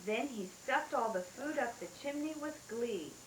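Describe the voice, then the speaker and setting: A woman's voice: fairly high pitch, lively intonation, a little slow, reverberant, a little hiss or hum, rough recording. A mother reading a rhyming bedtime story aloud in a sing-song way, taped at home.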